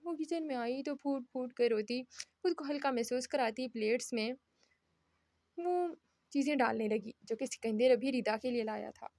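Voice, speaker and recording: Woman narrator, romance novel reading, high voice, dry close sound. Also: normal speed, darkish tone, no room sound.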